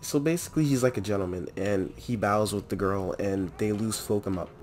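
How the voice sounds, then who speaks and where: A young man giving chatty, excitable gameplay commentary and talking to the characters on screen. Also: fairly low pitch, brisk. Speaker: let's play host.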